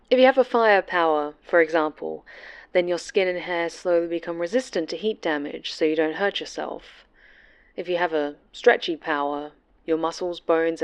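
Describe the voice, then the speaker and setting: In a horror ASMR roleplay, a woman with a low voice plays an obsessive, possessive winged superhero. She is sweetly menacing and taunting, explaining smugly and often slipping into breathy whispers.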